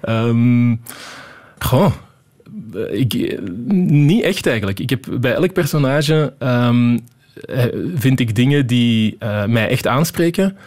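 A man's voice: medium pitch, lively intonation, slow pace, darkish tone. A man in his thirties with a Flemish accent, a screenwriter answering interview questions, hesitant and full of ehm fillers. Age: 30s. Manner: hesitant, many ehm fillers, thinking aloud. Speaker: TV screenwriter guest. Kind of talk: radio interview, casual answers.

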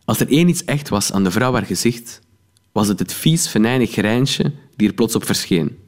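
A man's voice: on the low side, expressive, moderate pace. A man with a Flemish accent reading his own column aloud with wry irony. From Belgium. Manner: wry, ironic storytelling.

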